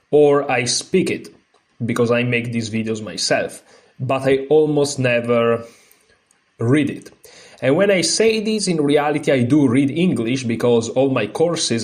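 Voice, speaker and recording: An Italian-accented non-native speaker runs a chess lesson on his channel in a mid-range voice. He first works haltingly through a book passage with fillers and restarts, then moves into freer explanation.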